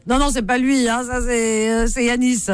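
A woman's voice: on the high side, flat delivery, moderate pace, clear, resonant tone, no room sound. A woman hosting an evening call-in radio show who has bronchitis, chatting and teasing her callers in a casual, bantering way. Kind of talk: casual on-air chat with callers.

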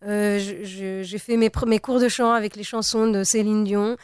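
A woman's voice: medium pitch, steady tone, normal speed, a little mellow, clean tone, no echo, studio quality. A young Tunisian woman, a native Arabic speaker, answering interview questions as a singer, speaking hesitantly with many fillers and restarts. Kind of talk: interview conversation.

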